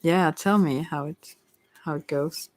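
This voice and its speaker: In an ASMR livestream, a tarot reader offers casual spiritual advice with gentle encouragement, rambling hesitantly and often trailing off mid-thought. Her mid-range voice moves a little slowly.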